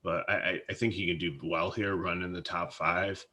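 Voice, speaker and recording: A deep-voiced man chats casually on a fantasy sports podcast. He hesitates often, repeating words and trailing off as he weighs his picks. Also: little pitch movement, moderate pace, bright, forceful tone. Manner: hesitant, many restarts and fillers. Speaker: co-host, fantasy sports analyst.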